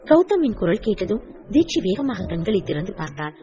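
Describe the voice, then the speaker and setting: A woman narrating a novel in a steady, measured storytelling voice. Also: mid-range voice, muffled recording. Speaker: audiobook narrator. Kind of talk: scripted narration.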